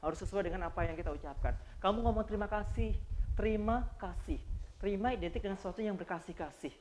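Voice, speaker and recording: A man teaching cabin-crew students in a lively, joking way, acting out examples of how to speak. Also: high voice, quick pace, slight background noise. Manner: animated, joking, acts out examples. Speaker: flight attendant trainer. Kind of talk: training lecture to students.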